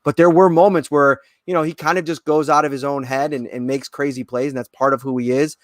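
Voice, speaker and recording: A man's voice: a little high, steady tone, brisk, no echo. Man, sports podcast co-host, casual chat, lots of fillers and restarts, dry sound. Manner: chatty, many fillers and restarts. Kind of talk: casual sports talk show.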